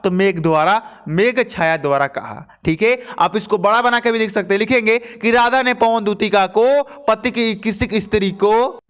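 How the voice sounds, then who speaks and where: A man's voice: high voice, moderate pace, hardly any pauses, fairly bright tone, smooth. A young man teaching an exam-prep lesson, explaining Hindi poems in a chatty way and checking in with his students. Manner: chatty, addresses students as bhaiya, repeats "theek hai" often.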